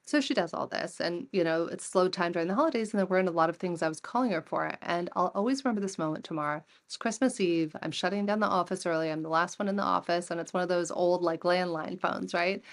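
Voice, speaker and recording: A woman in her forties, speaking a little low for her sex, talks with a guest's easy energy. She tells her anecdotes vividly and slips into the voices of the people she quotes. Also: fast, hardly any pauses. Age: 40s. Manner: lively storyteller who acts out quoted dialogue. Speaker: podcast guest, entrepreneur and coach. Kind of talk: conversational interview storytelling.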